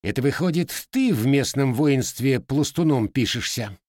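Male reader as a formal police captain, curt and demanding, pitched up, dry close sound. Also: lively intonation, normal speed, a little mellow, dry recording, lightly acted.

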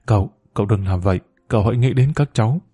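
A man voicing a weeping female servant in an audiobook story, tearful and hushed. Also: medium pitch, animated, fairly quick, husky, no echo, clean studio sound.

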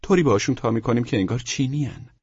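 A man voicing a courteous male junk-store salesman with pleasant, smooth sales patter, on a dull lo-fi recording. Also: mid-range voice, a little mellow, no echo, pitched above the performer's own voice, natural voice.

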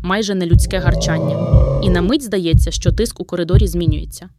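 A woman's voice: lowish voice, fairly quick. A woman reading a second-person dramatic story aloud in an intimate, dramatic storytelling manner. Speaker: narrator. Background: background music.

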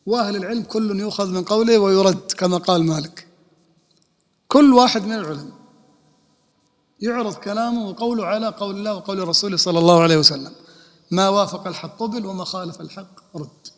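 A man's voice: high-pitched, fast. A man, an Islamic scholar, giving a religious lesson and explaining rulings by posing and answering his own questions. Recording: long hall reverb.

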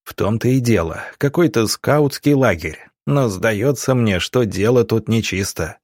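A young country doctor speaks calmly and reasonably, as a male audiobook reader plays him. The voice is low and steady. The sound is dry and close to the mic. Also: a little slow, dry recording. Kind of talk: audiobook character voicing.

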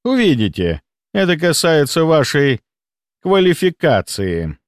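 A man voicing a smug, scheming middle-aged hospital chief who talks in a theatrical, mock-friendly, drawn-out way. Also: on the high side, very animated, no echo, studio quality, voice pushed up.

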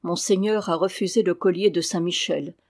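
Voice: medium pitch, fairly even intonation, normal speed, a little mellow, lightly acted. A reader voicing a dignified, grey-bearded old baron in an audiobook.

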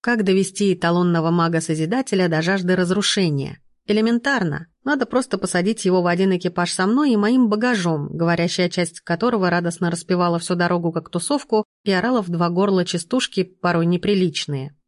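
A woman reading a first-person fantasy novel aloud, lively, lifting her voice for the characters. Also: lowish voice, a little fast, few pauses, no room sound. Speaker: audiobook narrator.

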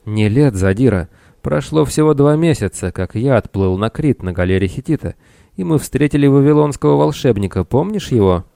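A man voicing Theseus, a bold, defiant Greek pirate captain who speaks gravely and resolutely. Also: mid-range voice, lively intonation, moderate pace, mellow, no room sound, clean studio sound, voice pushed up.

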